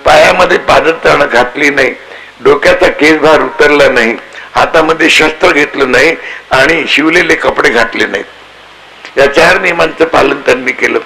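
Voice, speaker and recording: A man preaching a devotional storytelling sermon, telling a folksy childhood anecdote and acting out voices and a cow's lowing. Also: moderate pace, bright, forceful tone, faint music behind, rough recording. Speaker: kathā preacher.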